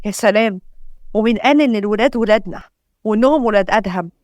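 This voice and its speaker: A woman's voice: medium pitch, fast talker, darkish tone, no room sound, clean studio sound, lightly acted. A woman with an Egyptian accent reading the lines of a proud, suspicious old wealthy grandfather. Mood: dismissive. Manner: dismissive.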